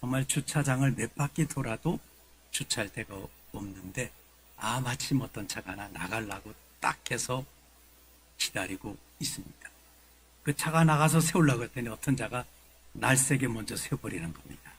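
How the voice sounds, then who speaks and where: A man preaching a sermon in a conversational way, rising to forceful emphasis at key points. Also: medium pitch, expressive, moderate pace, a little hiss or hum, rough recording. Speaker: pastor. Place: church sanctuary.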